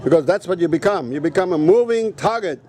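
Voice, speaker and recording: Talking fast and expressively, this Afrikaans-speaking man records a loose, rambling outdoor vlog, blunt in manner and swearing now and then. His voice is high and warm in tone, with a slight hiss or hum underneath.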